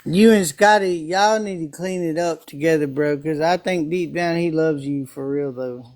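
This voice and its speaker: A man's voice: a little high, normal speed, a little mellow. A man from South Memphis with a Southern accent, chatting casually on a call, laid-back, laughing often and cursing freely. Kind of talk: casual chat.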